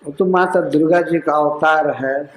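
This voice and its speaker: A man, a monk and preacher, giving a devotional scripture lecture, who chants verses and then explains them slowly. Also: a little high, fairly even intonation. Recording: echoey room.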